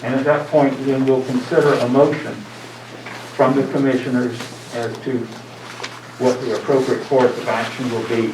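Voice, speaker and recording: A man's voice: medium pitch, flat delivery. American guy chairing a public meeting thru a face mask, speaking up, echoey room, noisy recording. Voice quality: slightly muffled by a face mask. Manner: deliberate, speaking up to be heard. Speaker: planning commission chairman. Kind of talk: formal meeting opening remarks. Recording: distant mic, echoey room, clear noise.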